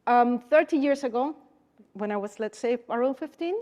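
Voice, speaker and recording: Woman from Costa Rica, conference panelist, slightly higher voice, earnest and emphatic with repeated phrases. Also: normal speed, dark tone, muffled recording. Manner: earnest, emphatic storytelling with repetitions.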